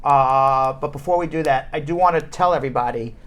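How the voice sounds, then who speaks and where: A man's voice: medium pitch, brisk, fairly bright tone. A man with a Brooklyn accent hosting a live show in casual, joking banter, repeating phrases for emphasis.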